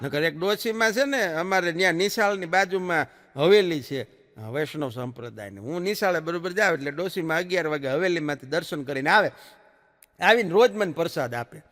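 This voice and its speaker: Lively stage comic with a hall echo. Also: male voice, fairly high pitch, fairly quick. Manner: chatty storyteller, swings his voice up and down for punchlines. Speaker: stand-up comic. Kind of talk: stage joke-telling. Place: live stage show. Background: audience laughter.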